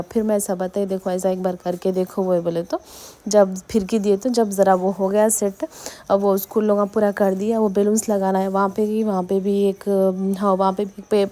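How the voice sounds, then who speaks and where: Hyderabadi lady teacher vlogging, chatty storyteller, mellow warm voice. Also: mid-range voice. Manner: chatty, animated retelling with quoted dialogue. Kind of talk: casual vlog storytelling.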